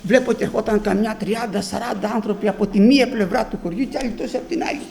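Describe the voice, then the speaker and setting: Gravelly high-pitched older male preacher. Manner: animated storytelling, acts out shouting voices. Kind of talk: sermon with personal story.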